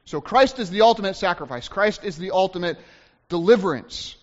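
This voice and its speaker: A man's voice: high voice, animated, a little fast. A man preaching a sermon as pastor, emphatic and repeating his key phrases for weight. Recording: dull recording with long hall reverb.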